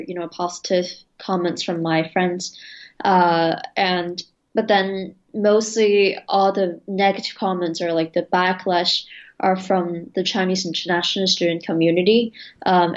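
A young woman from Hong Kong, a journalism student, answers interview questions hesitantly, with many fillers and restarts. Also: mid-range voice. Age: young adult. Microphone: video call. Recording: dull lo-fi video call audio.

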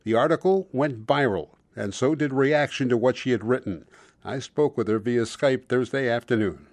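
A man reading the news as anchor in a measured, formal delivery. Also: medium pitch, a little mellow, dry recording. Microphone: studio microphone.

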